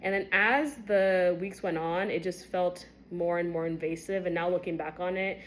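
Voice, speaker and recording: A Kenyan-born medical resident in her twenties tells a personal story to camera, candid and chatty, with lots of fillers. Her intonation stays fairly even at a moderate pace, rising in pitch when she recounts shocking moments, with slight background noise.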